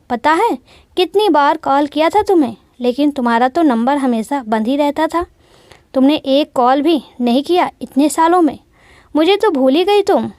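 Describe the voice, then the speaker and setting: Young man asking worried questions, pressing tone, high voice, read by a woman, dry sound. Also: darkish tone, no room sound.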